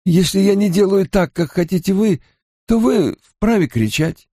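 A man's voice: high-pitched, expressive, moderate pace, mellow, dry recording, clean studio sound, voice pushed up. A man voicing a dutiful, overly formal male servant in an audiobook, deferential and stiff. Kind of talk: audiobook character voice.

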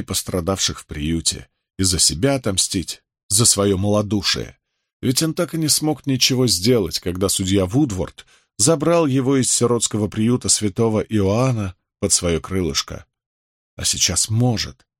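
A man reading a novel aloud as an audiobook narrator, in an expressive, dramatic manner. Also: fairly low pitch, normal speed, dry recording, studio quality. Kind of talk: scripted literary narration.

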